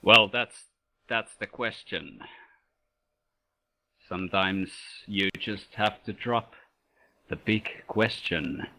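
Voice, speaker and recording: Deep, slow-talking Swedish-born player, bright tone, dry humor. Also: male voice. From Sweden. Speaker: interviewee, competitive player. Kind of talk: casual interview.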